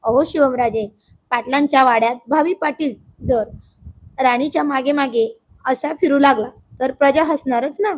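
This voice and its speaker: A woman's voice: high voice, moderate pace, slight background noise, close to an everyday voice. A woman doing a teasing old patriarch. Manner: gently teasing. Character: elderly patriarch, dry-humoured grandfather.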